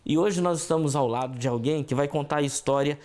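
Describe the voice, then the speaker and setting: A man's voice: fairly high pitch, fairly quick, darkish tone. A man with a Brazilian accent hosting a show, introducing it like a ringmaster in a theatrical announcer manner. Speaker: interviewer and show host. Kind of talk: ringmaster-like show introduction, then conversational interview. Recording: roomy echo, faint background noise.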